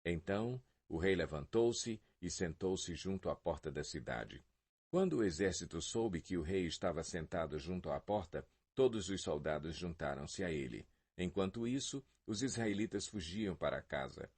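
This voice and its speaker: Guy narrating bible audio, low husky voice, slow and solemn. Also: expressive, darkish tone. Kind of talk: scripted scripture reading.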